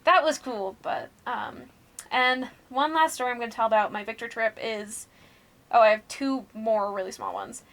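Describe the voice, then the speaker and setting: A young woman co-hosting a podcast, telling her ghost stories casually, laughing, swearing and going hushed at the spooky parts. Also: on the high side, moderate pace. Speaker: podcast co-host. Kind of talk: casual storytelling chat.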